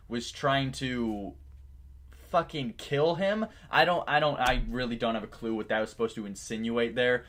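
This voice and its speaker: A man with a mid-pitched voice delivers a casual exposé commentary. He is sarcastic and scornful about what he describes. He leans on key words and swears freely as he makes his case. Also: fairly bright tone. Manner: emphatic, heavy casual swearing. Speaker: YouTube drama commentator.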